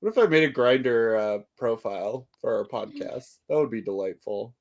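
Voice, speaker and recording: A man's voice: medium pitch, lively intonation, normal speed, creaky, a loud crowd. A man co-hosting a podcast, chatting casually in a rambling, self-deprecating way and laughing often. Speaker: podcast co-host. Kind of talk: casual chat.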